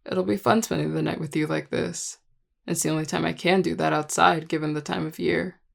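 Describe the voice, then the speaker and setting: A performer voicing a charming, affectionate vampire lover in an intimate audio role-play, teasing and tender in a relaxed, gravelly voice. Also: medium pitch, fairly quick. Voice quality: gravelly, heavy vocal fry. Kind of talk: intimate audio role-play, one-sided dialogue to listener.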